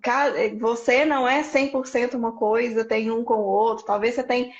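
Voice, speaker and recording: A woman's voice: a little high, steady tone, a little fast, dull audio. A woman hosting a live stream, chatting casually and affirming her guest often. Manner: affirming, chatty, many "uhum" replies.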